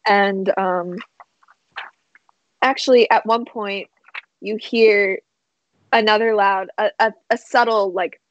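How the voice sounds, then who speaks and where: Slow, rambling woman game master. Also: mid-range voice, no echo, dull audio. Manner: relaxed, rambling, with many fillers. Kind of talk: narrating a tabletop game.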